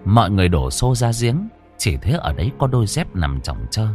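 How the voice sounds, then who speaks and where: A man narrating a ghost story in expressive audiobook style. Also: on the low side, a little fast, faint music behind.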